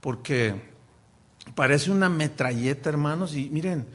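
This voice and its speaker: A man with a Mexican accent, a pastor teaching a lesson on preaching in a lively, joking way with many restarts. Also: on the high side, unhurried. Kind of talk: sermon-style lesson.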